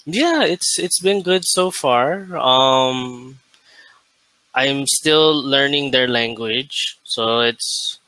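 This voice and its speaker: An American man in his late twenties talks slowly and easily on a video call, with a bright, forward tone. The sound is dry and close, and his chat runs loose and friendly, full of little fillers. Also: mid-range voice, no room sound, low-quality recording. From United States. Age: 20s. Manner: relaxed, laughs often, many fillers. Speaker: English tutor. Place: indoor room.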